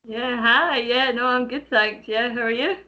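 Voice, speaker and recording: A woman's voice: a little high, measured pace, muffled recording. A woman in her thirties with a Canadian accent, a personal trainer chatting as a podcast guest, filling her talk with "like" and "you know". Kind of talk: casual interview chat.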